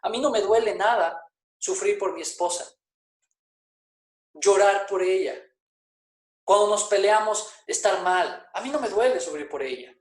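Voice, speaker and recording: Pastor, male, high voice, emphatic preaching style with rhetorical questions, roomy church sound. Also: lively intonation, measured pace, pauses often. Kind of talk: sermon.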